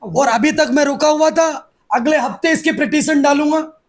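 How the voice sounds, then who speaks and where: A man's voice: very high-pitched, normal speed. A man, speaking aggressively and defiantly as the guest in a heated political interview. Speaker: interviewee, activist.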